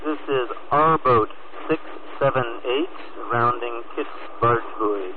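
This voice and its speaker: A man's voice: medium pitch, slow pace. A man on a boat calling in over a crackly two-way radio transmission, repeating call signs in clipped, formal radio procedure. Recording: crackly narrow-band radio with static.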